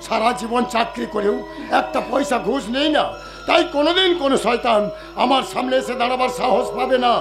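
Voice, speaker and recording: A pious older official speaks in a high, declamatory voice that sounds fatherly. He stays upright and proud. Stage music plays behind him. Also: a little fast. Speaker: government inspector. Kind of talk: jatra stage acting.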